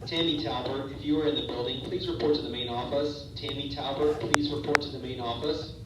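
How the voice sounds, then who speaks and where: A man making a formal, repeated paging announcement over a school intercom loudspeaker, heard in a classroom. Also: medium pitch, steady tone, fairly quick. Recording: echoey distant intercom with loud hiss.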